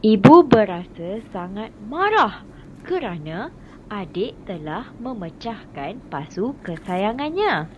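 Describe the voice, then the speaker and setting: A woman, reading example sentences aloud slowly and expressively. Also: mid-range voice, big pitch swings, lo-fi sound, background noise.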